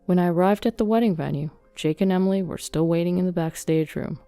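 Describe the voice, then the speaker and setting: A woman reads a story in the first person, measured and even, with a low, mellow voice. The sound is close and dry, with faint music behind her. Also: no echo. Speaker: narrator. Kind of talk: scripted narration of a story.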